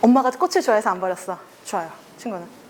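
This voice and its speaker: A woman's voice: mid-range voice, lively intonation, quick pace, darkish tone, a little hiss or hum. A woman teaching a youth reading club, explaining a story scene by scene, acting out the characters' lines and asking the students questions. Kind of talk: lecture with acted quotes.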